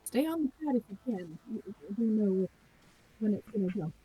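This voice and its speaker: A woman's voice: mid-range voice, animated, normal speed, faint music behind. A woman playing a tabletop game over a voice call, her audio muffled so she sounds underwater, talking hesitantly with fillers. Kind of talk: casual play over a voice call.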